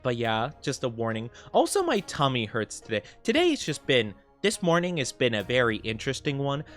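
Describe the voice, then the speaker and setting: Streaming from home, a young man chats casually with his viewers, rambling softly with plenty of fillers and sounding sniffly and stuffed up. His mid-range voice is very animated and brisk, with soft music in the background.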